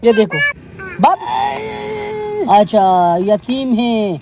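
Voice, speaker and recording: A man's voice: high-pitched, drawn-out words. A man talks to someone on a busy street, sometimes coaxing and pleading, sometimes stern and threatening. Light traffic noise comes from the street behind him. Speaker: street vlogger questioning a beggar. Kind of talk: casual street confrontation. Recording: faint traffic noise outdoors.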